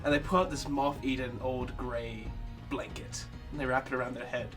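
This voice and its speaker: A man playing a tabletop game, describing his character's actions in a low, playful mumble. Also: steady tone, moderate pace, over music. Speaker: player.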